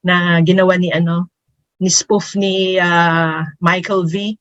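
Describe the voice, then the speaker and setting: A woman's voice: fairly low pitch, flat delivery, takes it slowly, no echo, muffled recording. A woman in her fifties, co-hosting a casual podcast chat, who laughs often and switches between Tagalog and English. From Philippines. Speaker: podcast co-host.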